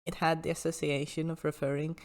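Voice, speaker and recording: A woman's voice: low-pitched, flat delivery, a little fast, a little mellow. A woman hosting an informal explanatory history talk, with hesitant asides as she explains.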